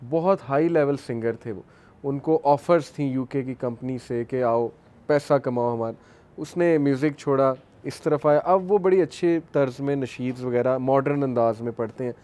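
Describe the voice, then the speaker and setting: A man speaks for his youth club in a studio discussion. His voice is mellow and warm, and he explains his group's position in an earnest, agreeable way. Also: medium pitch. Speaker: youth club member, guest.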